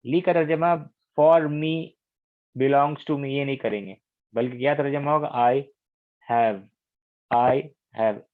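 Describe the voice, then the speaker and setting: A man from India teaches Arabic grammar over an online call, patiently explaining and often checking that students follow. He drills words slowly and repeats them. His voice comes through a dry, tinny, phone-like line. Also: mid-range voice, fairly even intonation, no room sound.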